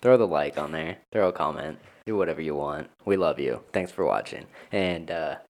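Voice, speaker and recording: Man with an unnaturally deep, pitched-down voice. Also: lively intonation, moderate pace. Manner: loose, joking, swears casually. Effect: voice sounds unnaturally deep, as if pitch-shifted down. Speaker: podcast host. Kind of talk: casual podcast chat.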